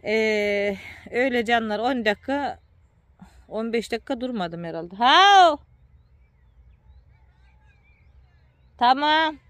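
A woman's voice: medium pitch, normal speed, no echo. A tired woman, chatting casually to her viewers as a vlogger and often calling them dear ones.

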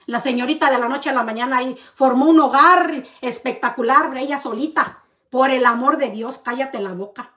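A woman's voice: sits high, normal speed, bright, forceful tone. A woman vlogger, ranting at the camera in a heated, accusing way and firing off rhetorical questions. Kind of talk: heated confrontational rant to camera.

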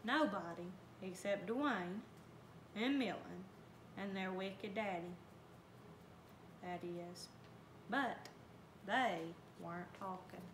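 Brief: woman volunteer storybook reader, slow and expressive, roomy sound, faint noise. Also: medium pitch. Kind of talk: storybook read aloud.

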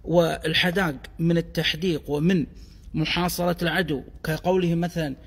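Kuwaiti Gulf Arabic man, reverberant and raspy. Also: a little high, fairly even intonation, moderate pace. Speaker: explainer of dialect words. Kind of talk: explanatory monologue on word origins. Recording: long reverberant echo.

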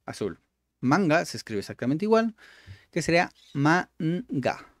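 Male gamer, relaxed tutor-style commentary, repeats and explains words, dry booth sound. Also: fairly high pitch, normal speed, no echo. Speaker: gaming YouTuber. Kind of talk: casual gameplay commentary.

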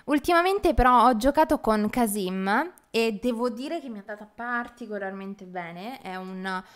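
A young woman streamer chatting casually while playing a strategy game, playful and quick to laugh as she reads the chat. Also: a little high, lively intonation. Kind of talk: casual live game commentary.

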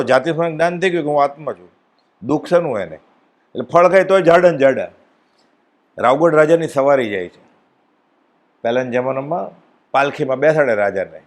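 Guy giving a spiritual talk, mid pitch, lively storytelling, acts out the lines. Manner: animated storytelling, acts out dialogue with swings in pitch and loudness. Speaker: spiritual speaker at a satsang. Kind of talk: devotional discourse with storytelling.

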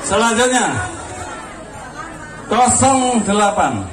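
Booming high-pitched Javanese-accented male prize announcer. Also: expressive, slow pace. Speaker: prize draw announcer, emcee. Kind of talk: live doorprize announcing to a crowd. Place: outdoor stage at a community event. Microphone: handheld PA microphone, filmed from a few metres. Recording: echoey outdoor PA, distant mic, noisy crowd. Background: large crowd noise.

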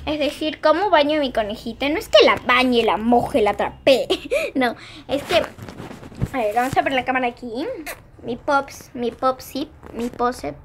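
A high-pitched woman talks to her viewers in a casual home vlog about her pet rabbit. She is giggly and excitable and keeps breaking into chatter. A faint hum of the room sits behind her voice. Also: a little slow. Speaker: pet vlogger.

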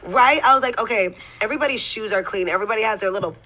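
Brief: young LA woman, bright chatty storyteller who acts out every quote. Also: medium pitch, very fast, slight background noise, low-quality recording. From Los Angeles. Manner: animated storyteller, acts out quotes, says "like" a lot; straight to the point. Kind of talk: casual chat.

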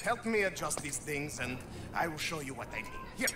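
An actor playing an eccentric, arrogant mad inventor in a video game, halting, muttering and condescending. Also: male voice, on the high side, expressive, background noise, natural voice. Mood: condescending, impatient. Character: eccentric mad professor, arrogant, excitable foreign male inventor. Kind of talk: video game character acting. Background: game ambience.

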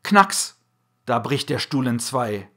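A man narrating a children's verse tale with expressive storybook reading, calling out the sound words loudly and dramatically. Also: medium pitch, takes it slowly, husky.

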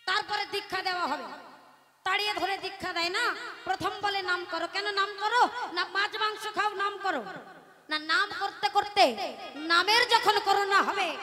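High-voiced woman preaching over music. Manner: leads call-and-response chants, storytelling with acted dialogue. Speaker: kirtan singer and preacher. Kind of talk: devotional kirtan sermon with chanting. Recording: live stage with long reverb and music.

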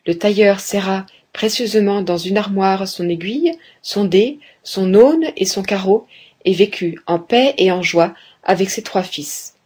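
Female storyteller, read-aloud fairy tale; calm, husky voice. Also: mid-range voice, a little slow. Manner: calm, clear storybook narration, addresses the reader.

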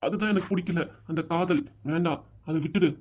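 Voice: medium pitch, fairly even intonation, a little fast, lightly acted. A performer voicing a strict, hot-tempered middle-aged father with a southern Tamil accent, who scolds his wife and weeps. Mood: scolding. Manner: scolding, shouting, then weeping.

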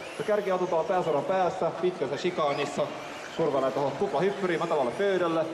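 Guy doing race commentary over a PA, slightly high voice, big booming hall, lots of noise behind. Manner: steady running play-by-play, listing positions. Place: large indoor exhibition hall at a model car race. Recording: echoey hall, noisy PA sound.

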